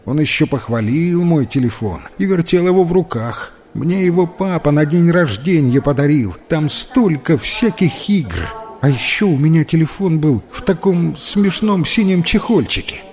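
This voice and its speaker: A man's voice: on the high side, lively intonation, normal speed, a little mellow, long reverb tail, faint music behind, voice pushed up, natural voice. A man voicing a lost, upset little boy who rambles anxiously in a storybook reading.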